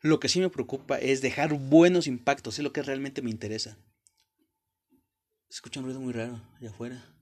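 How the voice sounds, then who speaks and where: A man's voice: medium pitch, fairly even intonation, brisk, darkish tone. A young Mexican man with a Mexican accent hosting a podcast, giving a blunt, profane motivational talk straight to the listener. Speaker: podcast host. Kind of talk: motivational monologue.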